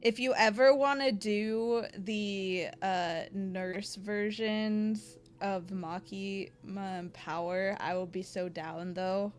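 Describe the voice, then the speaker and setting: A young woman streamer chats casually with her audience, leaning on slang and filler words. She talks at an unhurried pace, and faint music plays behind her. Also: medium pitch, steady tone. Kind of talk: casual chat with stream viewers.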